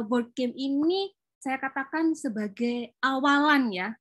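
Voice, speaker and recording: A woman, presenting a board game she co-created in a chatty, explanatory way, with frequent fillers. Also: sits high. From Java, Indonesia. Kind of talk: informal presentation.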